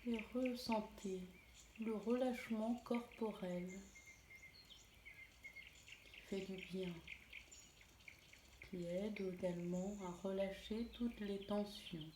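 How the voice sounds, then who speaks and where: A woman leading a guided relaxation in a soothing, gentle, unhurried manner. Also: medium pitch, fairly even intonation. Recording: roomy echo, clear background noise, birdsong. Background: birdsong and nature ambience.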